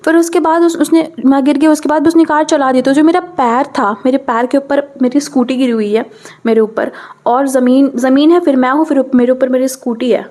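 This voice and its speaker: A young woman telling a personal story in a casual, chatty way, switching between languages and often checking in with "okay". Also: fairly quick. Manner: chatty, mixes in English phrases, keeps saying "okay"; animated, with sudden pitch jumps. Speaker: storytime vlogger.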